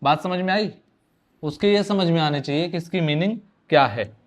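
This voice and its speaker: A man with a high-pitched voice teaches an exam-prep class online. He keeps asking his students questions and answers them himself, drilling each point. He mixes words into his speech. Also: moderate pace. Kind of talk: online lecture.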